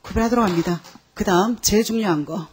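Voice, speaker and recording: Speaking fast in a mid-range voice, a woman runs a lively exam-prep class on Chinese characters, quizzing students and repeatedly checking in with them. There's a little hiss or hum in the recording.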